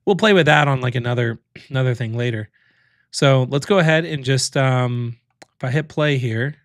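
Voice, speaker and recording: Clicking through a software tool on a relaxed livestream, this medium-pitched host talks his thoughts through at a moderate pace, restarting sentences and dropping in fillers. The sound is dry and clean, like a studio.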